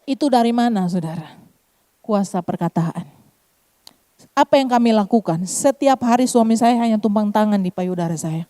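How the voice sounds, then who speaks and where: A woman's voice: mid-range voice, expressive, moderate pace, warm tone. A middle-aged woman pastor with an Eastern Indonesian accent, preaching a sermon and sharing a personal testimony, often calling out to the congregation. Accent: Eastern Indonesian, Kupang Malay. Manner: addresses congregation as "saudara" often.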